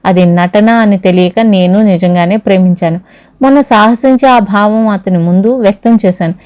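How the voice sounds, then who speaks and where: A woman's voice: mid-range voice, moderate pace, a little mellow, natural voice. A woman playing a heartbroken young woman. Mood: hurt.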